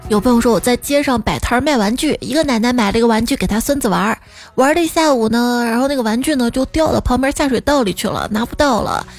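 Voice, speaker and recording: A woman with a fairly high voice tells comic anecdotes one after another and lands each punchline with deadpan wryness. Light background music plays softly under her. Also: fast, creaky. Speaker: comedic storyteller. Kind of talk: reading funny anecdotes.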